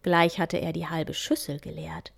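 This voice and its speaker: A woman softly whispering a children's story, reading one tale after another. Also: sits low, level tone, measured pace, gravelly. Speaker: reader.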